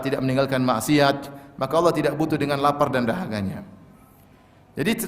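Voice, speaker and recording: A man preaching a sermon with emphasis, repeating key phrases and reciting Arabic quotations. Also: a little high. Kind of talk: Ramadan sermon. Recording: long hall reverb.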